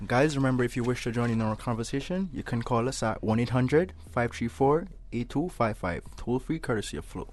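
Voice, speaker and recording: Laughing Caymanian radio host. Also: male voice, mid-range voice, fairly quick, few pauses, darkish tone. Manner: laughs often, teasing. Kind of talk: casual interview.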